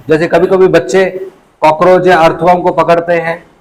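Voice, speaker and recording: A man giving a storytelling sermon to a youth class, a lively storyteller who acts out his characters. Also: fairly high pitch, a little slow, slight background noise, poor audio.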